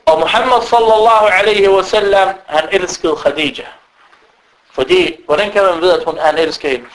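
A man giving an animated sermon as a preacher, breaking into recited Arabic quotations. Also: sits high, low-quality recording. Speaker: Islamic preacher.

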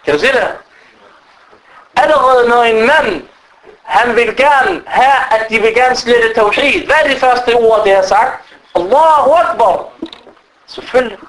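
A man with a high-pitched voice delivering a religious lecture. He tells stories in a lively way and keeps putting rhetorical questions to his listeners. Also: low-quality recording. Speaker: preacher.

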